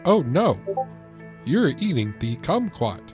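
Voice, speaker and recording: A man's voice: a little high, sing-song, darkish tone, soft background music, voice pushed up. A man mimicking a stiff robot voice. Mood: deadpan robotic. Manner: slow, stiff, sing-song robotic delivery. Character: male text-to-speech robot narrator of a video app.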